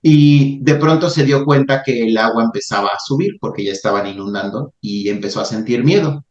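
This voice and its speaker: A man hosting a talk, speaking calmly and reflectively with frequent restarts. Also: medium pitch. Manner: calm, reflective, halting with restarts. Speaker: podcast host. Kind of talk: reflective spiritual talk and storytelling. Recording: roomy, slightly muffled recording.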